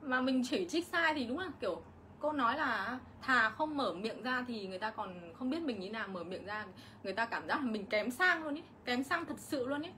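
A woman's voice: fairly high pitch, animated, normal speed, sharp tone, a little hiss or hum. A middle-aged woman, ranting on a casual livestream vlog and hitting back at her critics with indignation. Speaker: vlogger.

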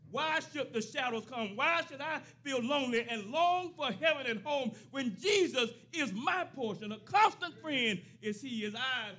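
A man's voice: very high-pitched, animated, moderate pace, few pauses, pushed and bright. An older man preaching a sermon at a church pulpit into a stand microphone, building into a rising, repeated cadence. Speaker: pastor.

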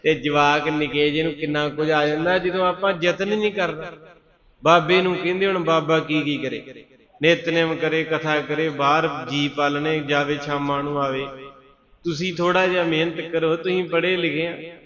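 Man, katha sermon, chanted verses, fairly high voice, dull echoey hall recording, crowd behind. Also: fairly even intonation, fairly bright tone. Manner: storytelling, chants verses slowly, asks the congregation to respond. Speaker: katha preacher. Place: large gurdwara hall with live congregation.

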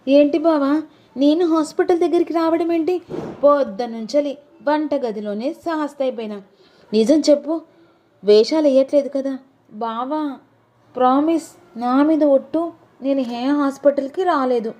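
A woman's voice: normal speed, long pauses, mellow, close to an everyday voice. A woman doing a cheeky, coy young wife. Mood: teasing. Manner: sing-song, teasing, raises her voice high.

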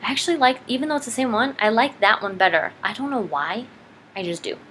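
A young woman, a beauty vlogger, rambles through a casual makeup tutorial at home in her living room, chatting self-deprecatingly as she works. Her voice is fairly high and fairly bright, and she speaks fast. The audio comes from a noisy home camera.

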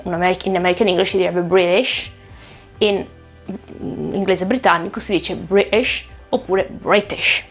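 A native Italian-speaking woman teaches an English pronunciation lesson, lively and explanatory, slowing down to stretch out and repeat example words. Her voice is mid-range.

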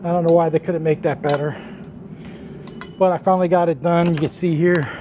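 A man's voice: fairly high pitch, fairly even intonation, brisk, dark tone, slight background noise. A man giving a casual, rambling tool review outdoors in a yard, talking plainly about how it works.

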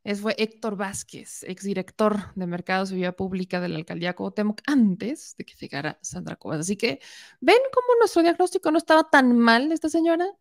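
A woman news host, interviewing and commenting in a colloquial, animated way with rhetorical questions. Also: mid-range voice, brisk.

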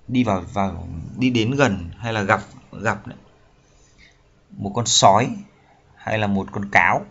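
A man teaching English vocabulary in Vietnamese, with a Vietnamese accent, reading English lines slowly and repeating words to drill pronunciation. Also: mid-range voice, fairly bright tone, lo-fi sound. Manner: reads English slowly then explains in Vietnamese. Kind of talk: bilingual vocabulary lesson.

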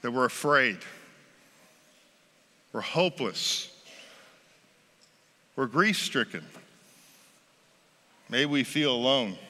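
An American pastor in his forties delivers an Easter sermon from a lectern on a church stage, his medium-pitched voice animated and sharp. He goes slowly with frequent pauses, gesturing as his force swells and drops for emphasis. The long reverb of a large sanctuary surrounds him.

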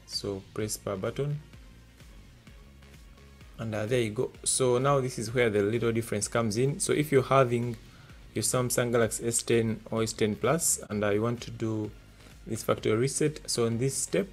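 Speaking at medium pitch with a somewhat dark tone, a man narrates a step-by-step tech tutorial. He explains things plainly, full of filler sounds, from a desk indoors where the camera shows just his hands.

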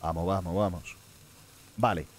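A man's voice: low-pitched, steady tone, measured pace, a little hiss or hum. A man with a Spain Spanish accent giving live gameplay commentary as a streamer, muttering to himself and swearing often.

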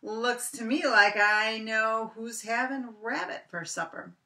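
Sly smug fox guy, gloating, slow and cool, woman doing it, mic far off. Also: a little high, bright, forceful tone, pitched above the performer's own voice, full character voice. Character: sly smug male fox, folktale trickster.

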